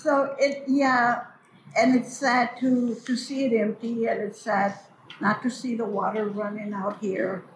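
An older woman, known as a storyteller and community elder, recalls memories in a fairly high, level voice, speaking a little slowly. She keeps it casual and relaxed, repeating phrases to drive them home. The large cultural-building hall gives heavy echo, with background noise distinctly present.

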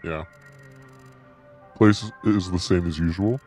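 A man speaking through a voice changer that morphs his voice deep, voicing a gruff male detective and manager in a game with friends, with improvised, halting lines. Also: darkish tone, soft background music. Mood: offhand. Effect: deep voice changer altering his voice.

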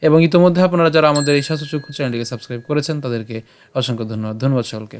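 A man teaching how to pronounce scripture verses, breaking words into syllables and chanting them slowly. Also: mid-range voice, fairly even intonation, slight background noise. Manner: slow, syllable-by-syllable drilling of verses. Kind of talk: slide-based pronunciation lesson.

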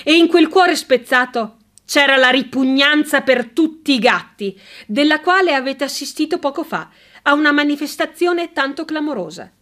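A woman narrating a humorous story as an audiobook, with a lively and expressive reading. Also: high-pitched, moderate pace.

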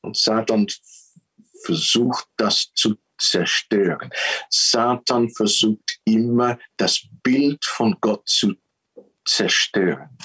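A man preaching a sermon, telling the story in an animated way and often repeating his words. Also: fairly low pitch, slow, husky, rough recording.

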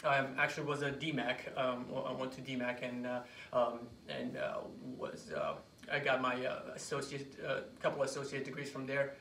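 Introduced as a chiropractor, an Iraqi man in his late 20s shares a personal story in an informal interview, his medium-pitched voice pushed and bright. He speaks in a halting way, going over words and phrases again. A phone camera a few feet away records him in a small office, producing echoey, distant audio with slight noise.

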